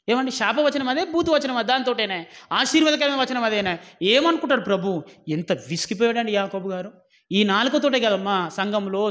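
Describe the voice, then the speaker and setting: A man with a high voice delivers an emphatic sermon. He scolds his listeners and keeps firing rhetorical questions at them. He swings from loud exhortation down to low, quiet warnings. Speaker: preacher.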